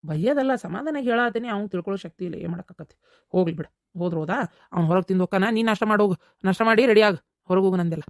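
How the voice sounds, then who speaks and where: A woman with a North Karnataka accent voicing a calm mother who lectures patiently in a cartoon comedy. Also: medium pitch, no room sound, studio quality. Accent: North Karnataka Kannada. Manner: quick, lecturing, calming. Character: mother-in-law, calm, scolding her son kindly.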